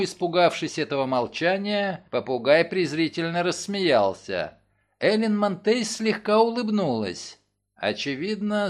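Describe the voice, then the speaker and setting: Expressive high-voiced male narrator. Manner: expressive storytelling. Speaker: audiobook narrator. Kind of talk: scripted narration.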